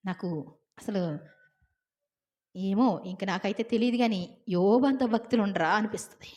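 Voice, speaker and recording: A woman preaching a sermon, telling the story with lively asides to her listeners. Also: mid-range voice, unhurried, dull audio. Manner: animated storytelling with acted quotes and repeated asides to the listeners.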